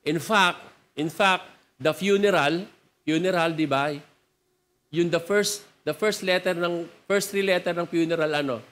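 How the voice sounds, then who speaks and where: A Filipino preacher delivering a sermon in a high male voice. He talks in a loose, conversational way and keeps drawing the listeners in. He mixes in questions for the crowd to answer. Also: measured pace, a bit bright. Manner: conversational, code-switching, asks the crowd to respond. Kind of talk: sermon mixing joke and scripture.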